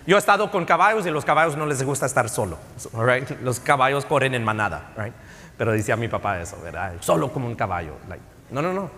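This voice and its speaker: A man's voice: medium pitch, a bit bright. A middle-aged man preaching a bilingual sermon, switching between Spanish and English and often adding tag questions. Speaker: pastor. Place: church sanctuary. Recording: long church hall reverb.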